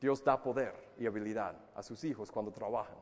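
A man's voice: on the low side, fairly quick, long reverb tail. A man preaching a sermon to his congregation. He often repeats words and asks many rhetorical questions. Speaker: pastor. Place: church hall.

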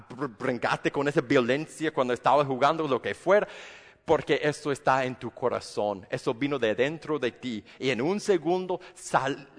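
A man's voice: medium pitch, long reverb tail. A man preaching a sermon as a pastor, in a conversational way with frequent restarts, sometimes acting out the voices of others. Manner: conversational, many restarts, acts out quoted voices.

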